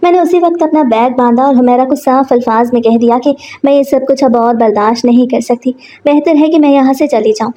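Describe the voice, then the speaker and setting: A woman's voice: high voice, a little fast, hardly any pauses, dark tone. A woman narrating a first-person story in an earnest, emotional storytelling manner.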